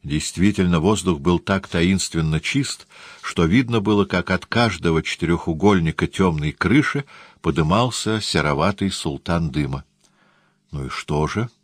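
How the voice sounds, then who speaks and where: Deep male voice for measured audiobook narration, dry studio sound. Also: husky, no echo. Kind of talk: scripted narration.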